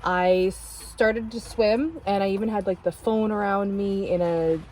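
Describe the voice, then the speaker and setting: A woman's voice: mid-range voice, a little slow, a little mellow, slight background noise, low-quality recording. A woman co-hosting a kayaking vlog, telling in vivid detail how she fell into a river. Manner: vivid, detailed retelling of a mishap. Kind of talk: casual storytelling.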